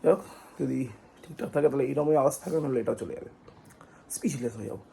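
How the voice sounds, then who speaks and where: Hoarse fast-talking Bengali man. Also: medium pitch, expressive, mellow, a little hiss or hum. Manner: chatty, scolding his dog and child in a raised voice. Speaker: vlogger. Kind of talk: casual vlog chat. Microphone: phone held by hand.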